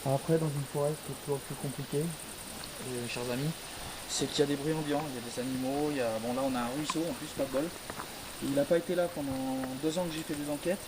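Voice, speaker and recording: Man, ghost-hunt partner, fairly high, calm, forest field recording, clear background noise. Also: a little fast. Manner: calm, addresses spirits directly. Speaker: fellow paranormal investigator. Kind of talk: casual on-location commentary. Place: forest outdoors near a stream. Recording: outdoor field recording with crickets.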